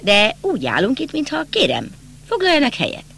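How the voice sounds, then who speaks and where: A man's voice: very high voice, wildly swooping pitch, creaky, pushed and bright, slight background noise, voice pushed up, full character voice. A man voicing a bitter, agitated young nobleman in an audiobook, speaking insistently and accusingly. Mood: tense. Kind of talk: audiobook character reading.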